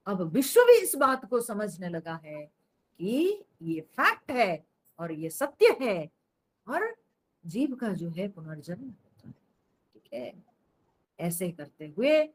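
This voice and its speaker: In a spiritual discourse, a woman teaches with patient explanation, slipping in English phrases and posing rhetorical questions. Her voice sits in the mid range and sounds a bit bright.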